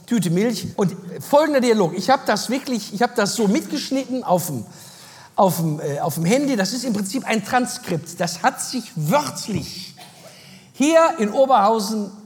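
A woman's voice: a little high, expressive, normal speed, darkish tone. A woman telling a stand-up story in a chatty, amused way. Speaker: comedian. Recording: reverberant stage hall.

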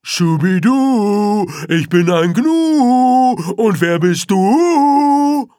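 A man's voice: extremely high pitch, sing-song, very slow, darkish tone, dry recording, clean studio sound, pitched above the performer's own voice, exaggerated voice. A man voicing a cheerful, unflappable gnu with a chirpy sing-song manner in a children's audiobook. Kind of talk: audiobook character voice.

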